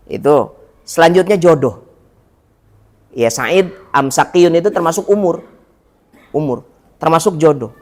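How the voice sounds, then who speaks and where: A middle-aged ustadz preaches in a mosque, voice pitched high for a man. He keeps it chatty and joking and turns to the mothers in the room as he teaches. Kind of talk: mosque study-circle sermon.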